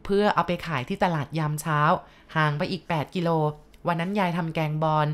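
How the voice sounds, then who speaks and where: A woman narrating a ghost story in a lively, conversational way, with chatty asides. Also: lowish voice, brisk.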